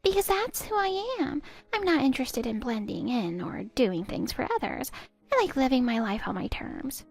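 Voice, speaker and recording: A woman's voice: high voice, lively intonation, normal speed, gravelly, faint music behind, heavily acted. A woman voicing a spiteful stepdaughter in her twenties who sneers and cuts down her stepmother. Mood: scornful. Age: 20s. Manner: sneering, cutting, contemptuous. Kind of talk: text-story voice acting.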